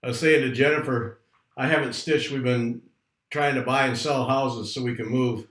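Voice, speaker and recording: A man hosting a casual livestream chat, talking in a rambling, chatty way from a room at home that is not soundproofed, so his voice comes back with a clear room echo. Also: mid-range voice, steady tone, normal speed, fairly bright tone. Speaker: host. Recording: echoey unsoundproofed room.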